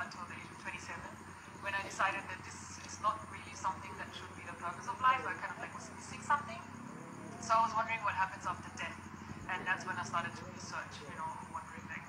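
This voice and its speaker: Fast-talking German woman, distant and noisy. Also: fairly low pitch, reverberant. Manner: chatty, many fillers and restarts. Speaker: interviewee. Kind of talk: casual interview answers.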